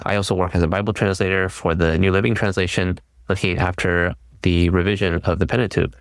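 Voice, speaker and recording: A middle-aged man from California, a guest scholar telling his life story in a measured, thoughtful way in a podcast interview. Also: low voice, clear, resonant tone, dry recording. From California, United States. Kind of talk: casual interview.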